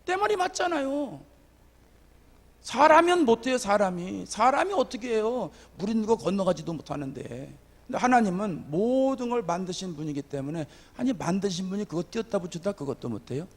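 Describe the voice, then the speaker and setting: High-voiced preacher in an echoing church. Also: male voice, brisk. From South Korea. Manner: animated storytelling with sudden loud emphatic rises; humorous, folksy asides to the congregation. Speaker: guest revival preacher. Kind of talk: revival sermon. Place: church sanctuary. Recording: long church hall reverb.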